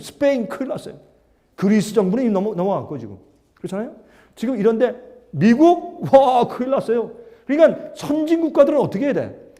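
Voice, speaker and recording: A man with a high, mellow voice preaches a sermon to a congregation. He drives his points with rhetorical questions and swings between loud and hushed. A long hall reverb trails every phrase. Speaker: pastor.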